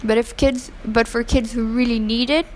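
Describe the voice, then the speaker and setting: This woman is from Pakistan and grew up in Hong Kong. Her voice is on the high side, with fairly even intonation and a moderate pace. She gives earnest, opinionated interview answers full of fillers and restarts.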